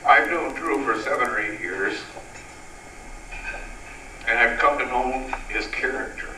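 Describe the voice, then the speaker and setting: A middle-aged man giving a sentimental wedding toast as father of the bride, speaking deliberately with pauses. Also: medium pitch, sharp tone. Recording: echoey, noisy room, distant microphone.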